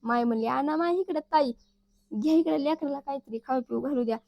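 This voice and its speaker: A woman's voice: high-pitched, brisk, creaky, warm tone, no echo. A woman narrating a family vlog as a teasing, chatty comic storyteller who acts out the lines she quotes. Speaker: family vlogger.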